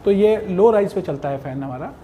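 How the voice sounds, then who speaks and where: Guy with a high voice showing off fans in a showroom, eager salesy talk, faint room noise. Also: expressive, moderate pace, mellow. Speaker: fan showroom presenter. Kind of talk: product walkthrough in Hindi-English mix.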